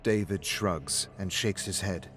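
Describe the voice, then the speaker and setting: Low-voiced man narrating a story. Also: takes it slowly, fairly bright tone, soft background music. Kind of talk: reading a story aloud on a live stream.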